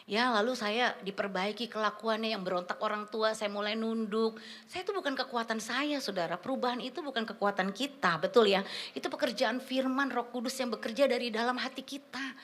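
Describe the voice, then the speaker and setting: A woman preaching a testimony sermon to a church congregation, animated and full of slang, calling the listeners "saudara". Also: fairly high pitch, fairly quick, slight background noise. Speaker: guest preacher. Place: church service before a congregation.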